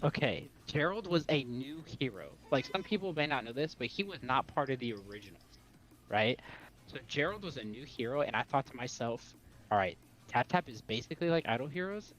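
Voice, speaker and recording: A man's voice: medium pitch, lively intonation, normal speed, a bit bright. Male stream guest, casual rambling chatter; crackly call mic that keeps cutting in and out. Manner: rambling, lots of "like" and "right?". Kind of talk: casual gaming chat.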